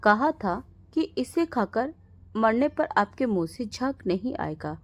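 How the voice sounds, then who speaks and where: A woman's voice: fairly high pitch, darkish tone, muffled recording, exaggerated voice. A woman voicing a frightened young wife who pleads through tears in a storybook tale. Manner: fearful, pleading.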